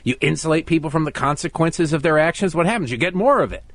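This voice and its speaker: A man's voice: on the high side, lively intonation, fast talker, a bit bright, dry recording. A middle-aged American man filling in as a talk radio host, delivering an opinionated monologue with sarcastic, mocking asides.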